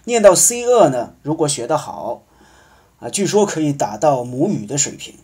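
A man teaching a French lesson, explaining patiently and slowly drawing out example words. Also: fairly high pitch, big pitch swings, dark tone, husky. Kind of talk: language lesson.

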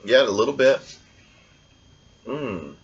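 A man hosting a casual blindfolded taste test, talking in a relaxed, rambling way. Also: mid-range voice, slow, vocal fry, slightly rough, lo-fi sound. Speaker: food vlogger.

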